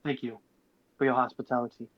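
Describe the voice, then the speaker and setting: A man's voice: mid-range voice, flat delivery, fairly quick, dull audio. A man playing a tabletop game, talking eagerly, stumbling over words and laughing often. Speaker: player. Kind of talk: casual chat at a tabletop game.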